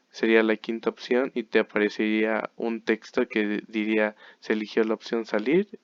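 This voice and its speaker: A man's voice: lowish voice, dry recording, lo-fi sound. A young man, an engineering student, explaining his school programming project step by step, sometimes catching and correcting himself. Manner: methodical step-by-step walkthrough with self-corrections.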